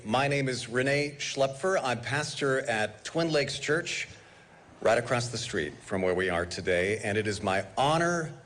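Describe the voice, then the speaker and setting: A man, a pastor, giving a measured formal memorial address at a pulpit microphone before a large gathering. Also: medium pitch, fairly bright tone, slight background noise. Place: large public memorial service.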